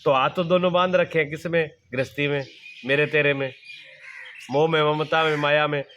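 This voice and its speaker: A man's voice: a little high, steady tone, normal speed, a bit bright, slight background noise. A middle-aged man giving a devotional sermon as a spiritual teacher. He asks rhetorical questions, answers them himself, and repeats plain everyday examples. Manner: repetitive, folksy everyday examples.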